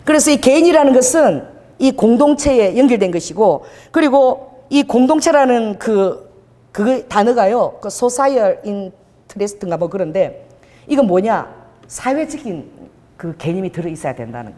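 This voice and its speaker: A woman pastor delivering a sermon in an animated, conversational storytelling manner. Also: on the high side, normal speed, long reverb tail. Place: church hall.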